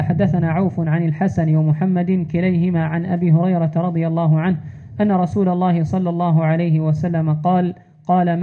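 High, flat-voiced man reading formal text. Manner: measured formal reading, repeats narration formula. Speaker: student reader. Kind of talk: reading classical hadith text aloud. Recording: tinny phone-like sound.

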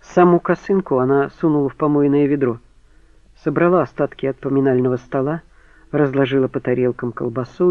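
A man reading a crime novel aloud as an audiobook narrator, steady and even. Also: medium pitch, dry recording. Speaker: audiobook reader. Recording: slightly dull dry recording.

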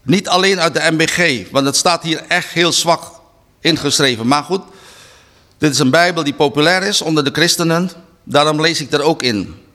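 A man giving a preaching Bible study talk, reading slowly and deliberately with emphatic restarts. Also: on the high side, pushed and bright. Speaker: Bible teacher.

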